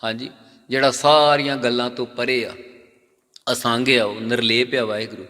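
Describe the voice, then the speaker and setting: A male Sikh preacher giving a sermon. He asks and answers his own questions and slows down to chant lines of scripture. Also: mid-range voice, little pitch movement, bright, forceful tone. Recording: long hall reverb.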